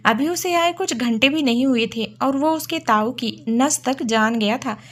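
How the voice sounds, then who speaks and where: A woman tells a scripted romantic story in a steady, expressive way. Her voice sits a little high. She moves the tale along in even narration. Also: unhurried.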